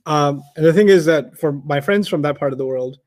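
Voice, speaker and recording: A native German speaker teaches Arabic in a casual, chatty way, telling anecdotes and laughing often. His voice is a little high, a little mellow, and a little fast.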